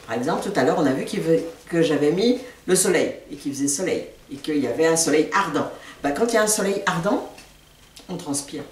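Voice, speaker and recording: A woman giving a relaxed spoken language lesson, repeating each new word slowly and patiently. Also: deep voice. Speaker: language teacher. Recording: echoey room, mic at a distance.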